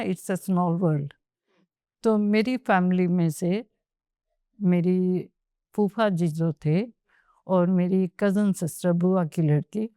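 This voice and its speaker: A woman guest on a podcast interview, telling her story at an unhurried pace and slipping English phrases into her Hindi. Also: medium pitch, dark tone, no room sound, studio quality.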